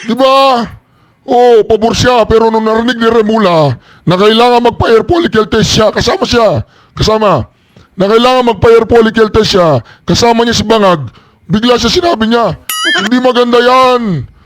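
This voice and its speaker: A man's voice: high-pitched, normal speed, background noise. A man giving casual online political commentary, mocking and taunting and repeating his phrases.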